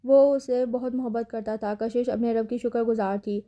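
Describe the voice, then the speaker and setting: Flat, mellow woman narrating a novel. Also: a little high, muffled recording. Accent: Pakistani Urdu. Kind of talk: scripted audiobook narration.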